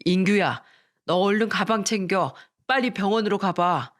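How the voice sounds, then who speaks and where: Woman doing an urgent schoolteacher, hurried, radio story, mid pitch. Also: natural voice.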